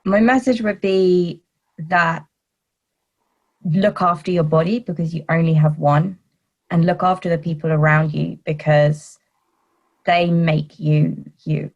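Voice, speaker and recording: A woman's voice: sits low, steady tone, unhurried, gravelly, pauses often, a little mellow, lo-fi sound. A woman being interviewed as a podcast guest, speaking in a thoughtful, sincere way. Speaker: podcast guest, self-defence coach. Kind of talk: interview conversation.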